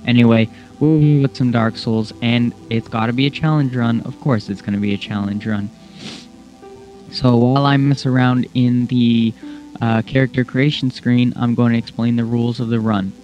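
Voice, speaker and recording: Rambling young man with a flat, mellow voice. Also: medium pitch, normal speed. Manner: rambling, self-correcting, with fillers. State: has the hiccups. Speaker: gaming channel host. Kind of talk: casual gameplay commentary. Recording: dull lo-fi audio with faint music.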